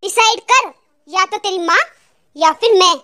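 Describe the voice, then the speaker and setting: A voice actor playing a harsh, domineering young husband in an animated family drama. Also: male voice, very high-pitched, a little slow, exaggerated voice. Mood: angry. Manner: harsh, domineering, shouting orders. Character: angry young husband throwing out his mother-in-law. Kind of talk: animated cartoon drama dub.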